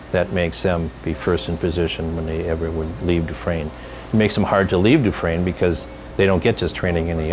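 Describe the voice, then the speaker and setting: A man's voice: low voice, darkish tone, a little hiss or hum. A man in his fifties, a company leader, speaking earnestly in a local TV interview with some fillers. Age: 50s.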